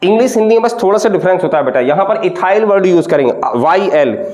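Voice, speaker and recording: A man's voice: high voice, expressive, quick pace, darkish tone. A man teaching a chemistry lesson to students, patient, often asking questions back and repeating the answers. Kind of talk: classroom lecture.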